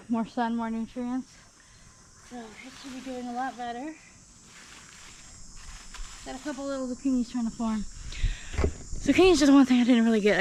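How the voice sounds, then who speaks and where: A woman's voice: fairly high pitch, darkish tone, slight background noise, rough recording. Breathless woman rambling through her garden. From South Dakota. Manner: rambling, candid, with many fillers. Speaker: gardening vlogger. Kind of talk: casual garden update chat. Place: outdoor vegetable garden.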